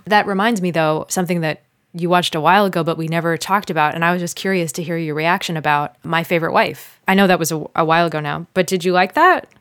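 A woman with a somewhat low voice co-hosts a podcast, teasing her partner playfully and often breaking into laughter. The sound is dry and close to the mic. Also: fast talker, fairly bright tone, smooth, dry recording. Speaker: podcast co-host. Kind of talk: casual chat about films.

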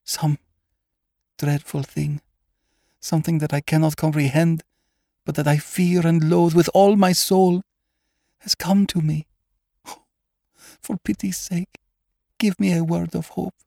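A frightened young noblewoman, voiced by a man reading a story, her words tremulous and pleading. Her voice rides far above his own and swells louder as the terror grows. The sound is close and dry, with no room around it. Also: a little high, flat delivery, unhurried, creaky, pauses often, no echo, voice pushed up.

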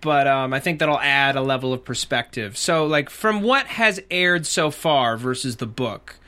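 A young man hosting a casual TV recap chat, animated and jokey, sometimes slipping into goofy sing-song bits. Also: mid-range voice, measured pace, clear, resonant tone. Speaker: host.

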